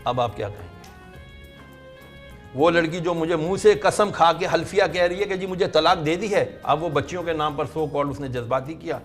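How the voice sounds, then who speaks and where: A man's voice: a little high, soft background music. A middle-aged man, a religious scholar on a talk show, earnestly telling a long story and acting out the voices he quotes.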